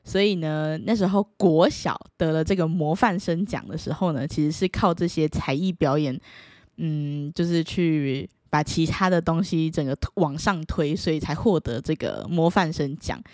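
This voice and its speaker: A young woman, telling a personal story to camera in a playful, animated way that leaps into high excited exclamations. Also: normal speed, no echo, studio quality. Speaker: vlogger.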